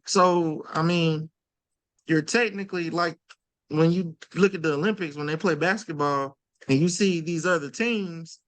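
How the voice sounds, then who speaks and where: A man's voice: fairly high pitch, a little slow, dry recording. A man co-hosting a casual sports podcast, talking loosely and animatedly with slang and swearing. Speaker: podcast co-host.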